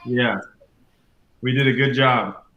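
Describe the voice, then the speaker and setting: A man's voice: mid-range voice, fairly even intonation, slow, lo-fi sound, slight background noise. A man chatting casually as a guest, rambling with fillers. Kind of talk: casual chat.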